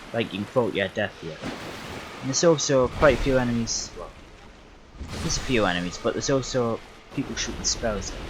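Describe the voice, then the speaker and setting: A man's voice: mid-range voice, noisy background. A young man giving casual, rambling commentary on his livestreamed gameplay, correcting himself often with plenty of fillers. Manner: relaxed, rambling, self-correcting with many fillers. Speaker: livestreaming gamer.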